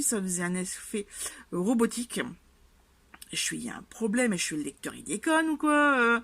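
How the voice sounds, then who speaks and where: A woman chatting casually in a vlog, rambling with many fillers and restarts and sounding exasperated. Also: on the high side. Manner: exasperated and animated about the subject. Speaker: vlogger. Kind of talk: casual chat.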